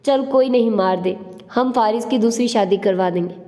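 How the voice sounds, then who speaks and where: A playful young man tosses out a jibe, read by a woman. The voice is raised and mellow. Reverb hangs on every word. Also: on the high side, normal speed, soft background music, lightly acted.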